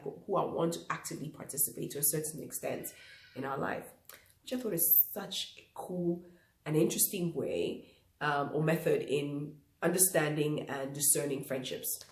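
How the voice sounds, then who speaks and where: A young woman vlogger talking casually and reflectively to viewers, nasal and croaky with flu and short of breath. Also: low-pitched, a little mellow, reverberant. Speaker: vlog host.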